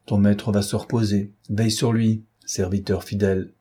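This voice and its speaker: A self-assured gentleman thief who gives orders and boasts with dry wit, as a male reader voices him. The voice sits low, with a dark, husky tone. It is a storybook reading from an audiobook. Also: level tone, normal speed. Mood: commanding.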